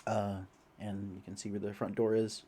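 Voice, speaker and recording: A man's voice: on the low side, monotone, moderate pace, warm tone, breathy edge. A young man narrating as game master, rambling with many fillers.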